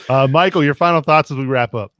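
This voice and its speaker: A soccer podcast host with a fairly high voice chats casually and relaxes into wrapping up segments by thanking his guests. There's no echo on the recording.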